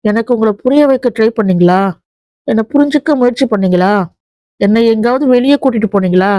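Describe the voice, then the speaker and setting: A woman's voice: fairly high pitch, brisk, warm tone, dry recording, lightly acted. Woman reading as a hurt young wife. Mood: reproachful. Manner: reproachful string of questions. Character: hurt young wife confronting her husband.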